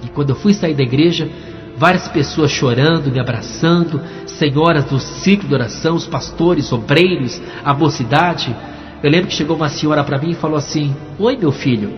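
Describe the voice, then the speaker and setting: Brief: lively Brazilian Portuguese-accented man, church testimony, higher voice, echoey hall. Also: normal speed. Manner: animated storyteller acting out dialogue. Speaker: testimony speaker. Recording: echoey hall, dull lo-fi sound, faint music.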